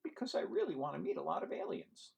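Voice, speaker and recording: Eager young boy dreaming of space, read by a man, raised voice, gravelly edge, excited storybook reading. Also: a little high, fast talker, voice pushed up, full character voice.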